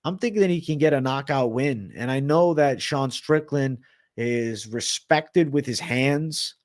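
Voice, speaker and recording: A man's voice: medium pitch, measured pace, dry recording, clean studio sound. Blunt, casual man on a livestream. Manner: blunt, casual, swears freely. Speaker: livestream host.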